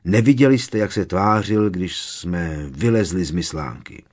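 A man's voice: deep voice, lively intonation. A man reading the lines of an upset, defiant teenage boy wizard in an audiobook. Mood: indignant. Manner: protesting, indignant.

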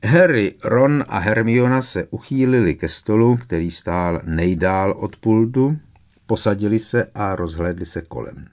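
Very deep-voiced male audiobook narrator. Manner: steady, measured storytelling. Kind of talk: scripted narration.

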